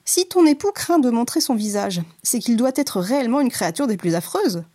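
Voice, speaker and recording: Jealous, spiteful sisters speak in a sly, raised, insistent voice, played by a woman reading the tale. The sound is mellow and slightly husky. It is a storybook telling. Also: a little high, animated, a little fast.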